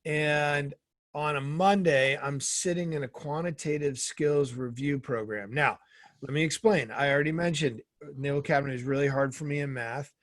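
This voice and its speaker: A middle-aged man speaking as an interview guest, with a slightly raised pitch for a man. He tells his stories with energy and acts out the people in them. The recording is dry and close, with almost no room sound. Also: normal speed, no echo. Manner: energetic storyteller who acts out quoted dialogue. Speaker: guest, former Navy SEAL and author. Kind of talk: casual interview storytelling.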